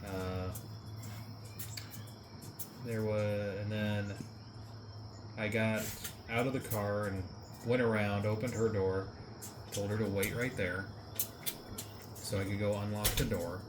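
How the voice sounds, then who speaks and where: Low-voiced man chatting casually over background noise. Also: steady tone, slow, long pauses. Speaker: driver and caregiver telling the story. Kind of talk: casual chat and recounting. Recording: clear car and outdoor background noise.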